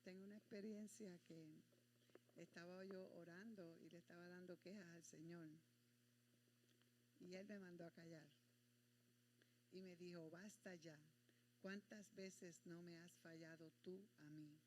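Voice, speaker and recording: A woman church member shares a personal testimony in a plain storytelling manner. Her voice sits fairly low. A faint hum of noise stays behind her. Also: steady tone, a little slow, long pauses, a little mellow, low-quality recording.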